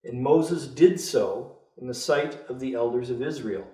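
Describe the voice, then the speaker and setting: A man's voice: a little slow, recorded from a distance. A man teaching a group, retelling a Bible story aloud and lifting his voice for the quoted speakers. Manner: animated, raises pitch for quoted characters. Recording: echoey room, voice from afar.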